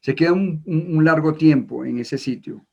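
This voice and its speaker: An Ecuadorian man preaching a sermon in a halting way, with many repeated words and fillers. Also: fairly high pitch, gravelly. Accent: Ecuadorian Spanish. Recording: dull lo-fi recording.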